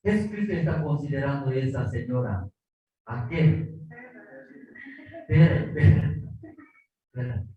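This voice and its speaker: A man's voice: medium pitch, expressive, normal speed, narrow, tinny audio. A man from South Korea with a Korean accent, preaching a sermon in simple, repetitive Spanish full of rhetorical questions. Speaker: pastor. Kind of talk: sermon with Bible reading. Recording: distant echoey online service audio.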